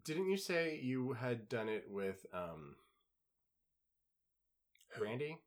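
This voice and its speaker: A man's voice: medium pitch, very animated, takes it slowly. A man co-hosting a casual chat, throwing in short prompting questions.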